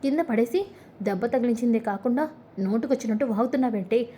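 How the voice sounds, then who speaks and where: A woman's voice: a little high, fast, a little hiss or hum, lightly acted. A woman doing a bossy doting old grandmother. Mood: scolding. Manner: scolding and fussing, sharp when crossed.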